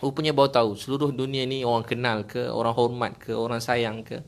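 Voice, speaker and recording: A man with a Malaysian Malay accent gives a sermon to a gathering. His voice sits in a middle pitch, and he tells stories warmly paced, slipping in jokes and acting out what people said. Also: flat delivery, a little fast. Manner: storytelling with jokes and acted quotes. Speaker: preacher. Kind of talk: religious talk to a gathering.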